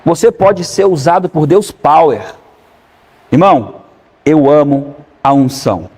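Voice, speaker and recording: Man, pastor, sermon, high voice, long hall echo, asks the congregation for an amen. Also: measured pace, darkish tone, breathy edge. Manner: preaching with call-and-response questions to the congregation. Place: church hall.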